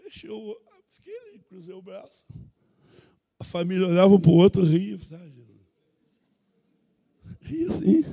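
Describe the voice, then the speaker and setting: A man preaching a sermon as pastor in a church, telling a story with lively acted-out voices and bursts of shouting. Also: sits high, normal speed, gravelly. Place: church sanctuary.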